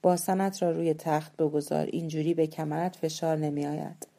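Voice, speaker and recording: A woman voicing a sick, bedridden man who gives curt, low-key instructions in a storybook reading. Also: little pitch movement, creaky, warm tone. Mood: instructing.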